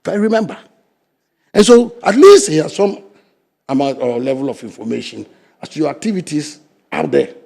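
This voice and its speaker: An older Ghanaian man with a Ghanaian English accent, a guest from the fisheries sector, argues his point emphatically in a studio interview. His voice is very animated and carries vocal fry, and he moves at a moderate pace with frequent pauses. He swings between loud stresses and low asides.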